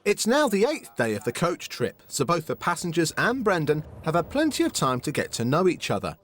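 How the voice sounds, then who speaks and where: A man's voice: a little high, wildly swooping pitch, brisk, slight background noise. A man narrating a reality show in a wry, scripted way.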